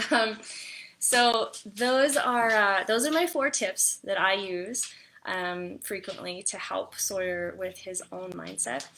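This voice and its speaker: A young adult woman giving casual parenting advice in a chatty, gentle way, with many fillers and restarts. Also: medium pitch, a little hiss or hum. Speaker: parenting and wellness vlogger.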